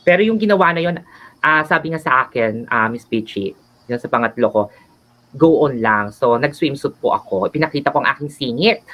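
A man's voice: mid-range voice, lively intonation, normal speed, a bit bright. A man co-hosting a casual show, chatting in a flamboyant, giggly way. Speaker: co-host and nurse. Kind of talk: casual Taglish show chat. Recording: dull lo-fi sound.

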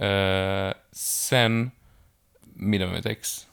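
Rambling podcast co-host, low voice. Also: male voice, fairly even intonation, gravelly, a bit bright, smooth. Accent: Scanian Swedish. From southern Sweden. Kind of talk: casual podcast chat.

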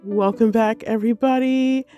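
A woman's voice: on the high side, steady tone, normal speed, dark tone, dull audio, faint music behind. A woman hosting her own podcast as a life coach, talking casually in a bubbly, effusive way with many fillers, and sounding tired. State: tired, yawning.

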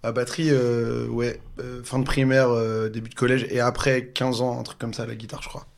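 A man's voice: medium pitch, flat delivery, moderate pace, vocal fry. A musician man chatting casually on a podcast and joking at his own expense. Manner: joking, self-mocking. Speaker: musician guest. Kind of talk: casual chat.

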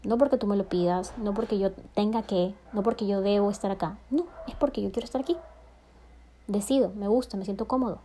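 A woman speaks in a mellow, warm voice, sharing relationship lessons in a casual vlog. She is expressive and dramatizes quoted lines with jumps in pitch and loudness. She restarts her sentences and laughs often. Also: brisk, a little hiss or hum. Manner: frequent fillers and self-corrections, laughs often. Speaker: vlogger.

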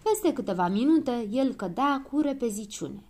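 A woman narrating a children's story in a lively, expressive reading. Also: on the high side.

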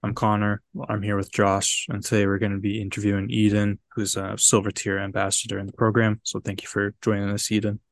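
A man's voice: on the low side, monotone, a little fast, hardly any pauses. A man hosting an interview podcast, asking short, plain questions. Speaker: podcast host.

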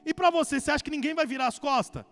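A man's voice: extremely high pitch, very fast, fairly bright tone, soft background music. A man with a Brazilian accent preaching a sermon as pastor, pressing the congregation with emphatic rhetorical questions. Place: church hall. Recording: long church hall reverb.

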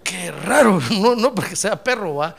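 A man delivers an animated sermon as a pastor, mixing jokes with fervent calls to the congregation. His voice sits high, he takes his time, and there is vocal fry.

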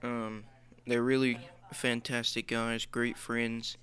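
A man's voice: mid-range voice, monotone, slow pace, a bit bright, clean tone. A man co-hosting a podcast in upbeat casual chat. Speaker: podcast co-host.

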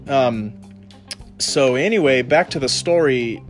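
A man's voice: mid-range voice, slow, faint music behind. A man, a military veteran, telling a personal story in a casual way, with lots of "you know" and swearing. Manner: casual, heavy use of "you know" and profanity.

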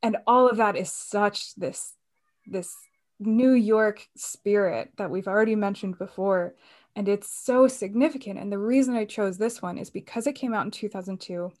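A woman's voice: medium pitch, normal speed, darkish tone. Chatty woman discussing films. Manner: chatty, with many fillers and restarts. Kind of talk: casual film discussion.

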